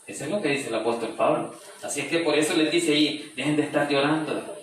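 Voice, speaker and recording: A man's voice: a little high, fast talker, fairly bright tone, a little hiss or hum. A man leading a Bible study in a church room. He reads a verse aloud, then retells it in plain everyday speech. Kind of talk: conversational Bible study teaching. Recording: very echoey room, voice far from the mic.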